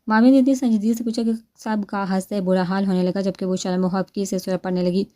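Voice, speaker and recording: Brief: female audiobook narrator, steady expressive delivery, soft tone. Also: mid-range voice. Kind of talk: reading a romance novel aloud.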